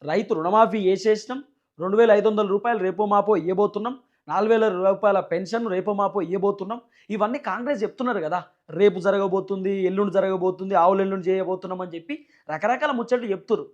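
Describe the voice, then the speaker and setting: This channel host, a man with a Telangana Telugu accent, gives forceful, repetitive political news commentary, frequently through rhetorical questions. His voice sits high and he talks fast, with lo-fi sound.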